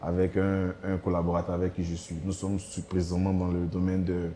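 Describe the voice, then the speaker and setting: A man in his thirties from Côte d'Ivoire, calmly introducing himself as a talk show guest. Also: sits low, a little fast, a little hiss or hum.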